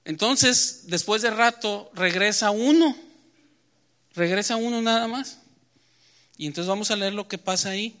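A man preaching a sermon in church, moving between quiet Bible reading and emphatic, rising points. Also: high voice, measured pace, long pauses.

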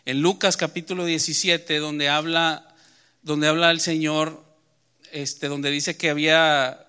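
A man preaching a sermon in church, moving between quiet Bible reading and emphatic, rising points. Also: on the high side, smooth.

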